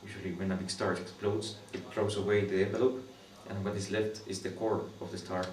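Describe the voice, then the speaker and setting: Explaining his research in an interview, this young Guatemalan astronomy PhD student speaks second-language English that stalls and restarts, thick with fillers but thoughtful. His voice runs low, level, and somewhat dark. He was captured from afar in a large-sounding room with slight noise behind him.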